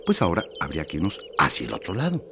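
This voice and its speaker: A man playing an earnest, excitable hiker lost in the woods in a children's audio drama. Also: deep voice, very fast, gravelly, slight background noise, full character voice. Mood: flustered.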